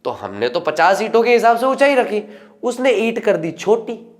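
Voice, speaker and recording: A man teaching a lesson, reading English lines slowly and explaining them in casual Hindi with playful acted asides. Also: sits high, sing-song.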